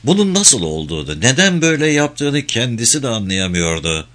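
A man narrating literary fiction as an audiobook, in a slow, measured, somber way. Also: mid-range voice, very animated, fairly bright tone.

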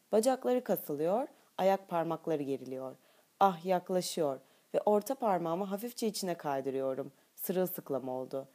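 Audiobook narrator, female, warm lowish tone, steady intimate delivery. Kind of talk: audiobook narration, first person.

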